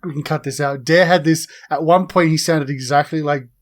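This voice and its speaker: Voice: mid-range voice, steady tone, normal speed. An Australian podcast player with an Australian accent, chatting casually and bantering with friends.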